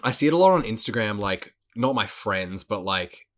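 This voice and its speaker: A man's voice: lowish voice, expressive, moderate pace, crowd noise. Male podcast co-host, casual and profane, laughs a lot, stumbles over repeated words. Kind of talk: casual chat.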